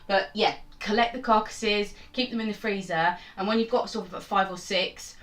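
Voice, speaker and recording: A woman's voice: mid-range voice, normal speed, a bit bright, echoey room, recorded from a distance. A woman hosting a casual cooking demonstration in her small home kitchen, chatty and rambling with self-mocking asides. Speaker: home cook and channel host.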